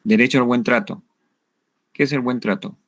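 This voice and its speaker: A man's voice: mid-range voice, normal speed, no echo. A man giving a law lecture over slides, in a conversational way that keeps asking "¿no?". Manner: conversational, asks "¿no?" and "¿no es cierto?" often.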